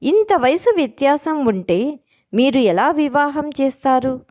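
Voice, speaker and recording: A woman's voice: high voice, lively intonation, unhurried, darkish tone. Woman voicing an indignant young man. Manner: scolding, indignant.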